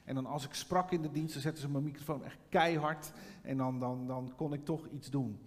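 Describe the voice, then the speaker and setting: A man's voice: medium pitch, steady tone, fairly quick, big-room sound. A middle-aged man preaching a sermon, telling a personal story and then rising into fervent preaching. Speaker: pastor.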